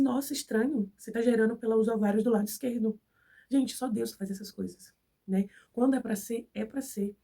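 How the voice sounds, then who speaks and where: Recorded from a distance, this young Brazilian vlogger has a cold and a mellow, fairly high voice. She chats with her audience in Brazilian Portuguese, recounting something that happened to her and performing each person's lines as she goes.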